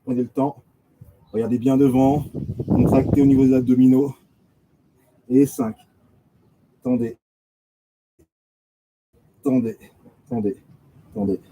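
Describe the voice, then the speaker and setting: A man teaching a pilates class, giving steady step-by-step commands, counting reps and repeating cues slowly. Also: medium pitch, vocal fry, poor audio. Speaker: pilates instructor. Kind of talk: guided exercise class instruction. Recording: loud background noise.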